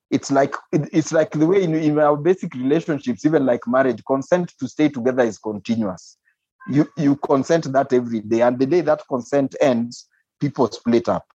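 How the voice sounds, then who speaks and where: A man's voice: mid-range voice, mellow, slightly rough, no echo. A man with a Kenyan accent speaking as an interview guest, explaining his views emphatically and repeating phrases for stress. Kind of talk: spoken interview, explaining and opining. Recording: dull, muffled lo-fi audio.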